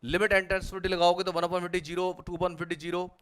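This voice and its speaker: Man, maths tutor, fairly high voice, step-by-step board working. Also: little pitch movement, fast talker, fairly bright tone, clean tone. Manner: talks students step by step through working out each problem. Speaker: mathematics tutor. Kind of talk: whiteboard problem-solving lecture.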